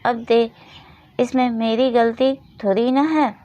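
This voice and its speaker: A woman voicing a loud, spoiled, greedy boy in a storybook reading, with a rough, demanding manner. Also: a little high, steady tone, slow pace, highs cut off. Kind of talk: storybook narration with voiced roles.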